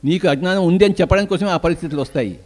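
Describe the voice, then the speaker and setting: Older man with Telugu accent, spiritual teacher, drills his point through repeated questions, slightly high voice. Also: rapid-fire, a little mellow. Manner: rhetorical questions answered in repeated short lines. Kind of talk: spiritual discourse.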